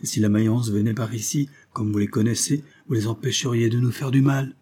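A man's voice: medium pitch, fairly even intonation, a little fast, warm tone, breathy edge, lightly acted. A man reading the part of an older, kind peasant mother who talks in plain, earnest country speech.

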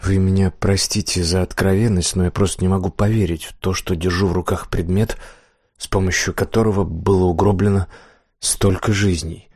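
A nervous village blacksmith, read by a man, eager to please his dreaded guest. He hesitates and stammers, his low voice falling into squeaks when cornered. The sound is close and dry. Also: steady tone, normal speed, darkish tone, slightly rough, no echo. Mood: nervous, polite. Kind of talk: audiobook character reading.

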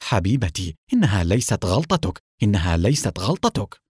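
A man voicing a gentle, worried father who speaks quietly and tries to reason and comfort. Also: fairly low pitch, sing-song, fairly quick, husky, dry recording, studio quality, voice pushed down, heavily acted. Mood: soothing.

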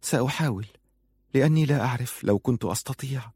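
A man voicing a sad, hesitant young woman who speaks softly. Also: mid-range voice, normal speed, dry recording, clean studio sound, pitched above the performer's own voice, lightly acted. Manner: soft, quiet.

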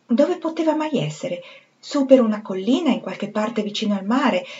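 A woman reading a novel aloud in a measured, expressive literary style. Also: on the high side, dull audio. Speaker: reader.

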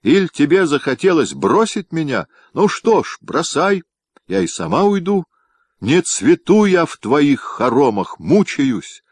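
Heard through a dry, close recording, this is a man putting on a wronged noblewoman in a storybook reading. Her voice sits far higher than the narrator's own low register, pleading at first and rising to piercing, defiant shrieks. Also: lively intonation, normal speed, no echo. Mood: defiant, shrill. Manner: pleading and shrill. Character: aggrieved noblewoman, wife, tearful then defiant.

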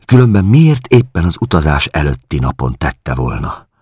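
A man reading an audiobook, voicing a grieving middle-aged refugee who speaks in a quiet, confessional, searching way. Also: extremely low pitch, sing-song, slightly rough, dry recording, clean studio sound, full character voice.

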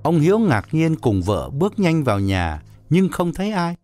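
A man reading a story aloud as narrator, in an expressive storytelling manner. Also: fairly high pitch, moderate pace, soft background music. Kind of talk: scripted narration.

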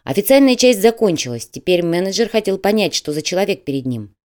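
A woman narrating an audiobook in a measured, even reading manner. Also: mid-range voice.

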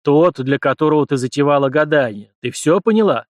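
A man voicing a stern male god who speaks with gruff irony and gives orders. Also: on the high side, a little fast, no room sound, highs cut off, lightly acted. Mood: mocking, commanding. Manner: commanding, gruffly ironic.

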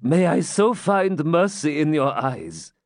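A man's voice: on the high side, big pitch swings, slow pace, no echo, clean studio sound, voice pushed up. A man voicing an aged, terrified old man who pleads for mercy in quavering archaic speech. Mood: pleading. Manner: trembling, pleading.

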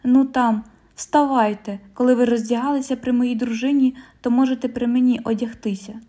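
A woman's voice: on the high side, steady tone, fairly quick, dark tone, natural voice. A woman voicing a mocking, hot-tempered young husband who speaks in a sneering, scornful way.

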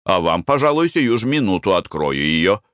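A composed merchant who speaks evenly and without fuss, as a male narrator plays him. The voice sits on the low side with lively pitch, recorded close and dry. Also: normal speed, no room sound. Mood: calm explaining. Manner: calm, even-tempered. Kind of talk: audiobook character reading.

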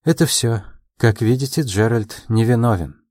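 In an audiobook, a man voices a proud, quick-tempered young woman, pitching her a little above his own range with quick, emotional replies in a brisk, frank mood. The performance is a little mellow and lightly acted, with clean studio sound and no echo.

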